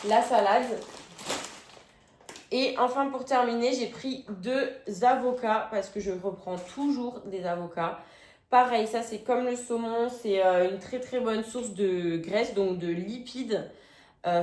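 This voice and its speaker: A woman's voice: mid-range voice, a little mellow. Chatty young Frenchwoman in echoey room. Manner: chatty, many "euh" fillers, informal slang. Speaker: vlogger. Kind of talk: casual grocery haul vlog.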